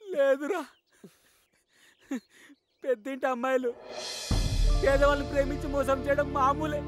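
A man's voice: very high-pitched, flat delivery, moderate pace, soft background music. A sobbing, heartbroken young man. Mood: bitter. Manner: sobbing, bitter lament. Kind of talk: Telugu film dialogue. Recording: film score under dialogue.

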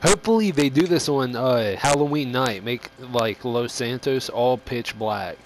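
A man's voice: medium pitch, measured pace, slight background noise. A man hosting a casual let's-play, joking around and exclaiming as he plays a horror game mode. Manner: joking, exclaims and laughs often. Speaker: gaming channel host.

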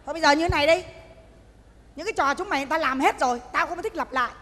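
In a stage comedy sketch, a woman plays a stingy, bossy funeral host, scolding in northern speech. Her voice is high-pitched, fairly bright and rapid-fire, captured on a stage recording in a reverberant hall.

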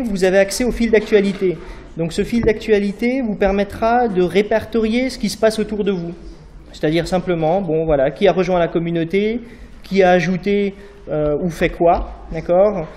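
A man's voice: high-pitched, dark tone. A man in his thirties gives a live startup demo on stage, conversational, with many fillers and frequent "d'accord?" check-ins. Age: 30s. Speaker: startup founder presenting a demo. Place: university event hall, on stage. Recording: echoey hall, somewhat far from the mic, faint room noise.

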